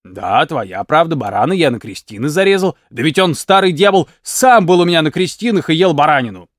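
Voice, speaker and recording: Man playing grumpy old village uncle, low slow grumbling, dry sound. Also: animated, no room sound, natural voice.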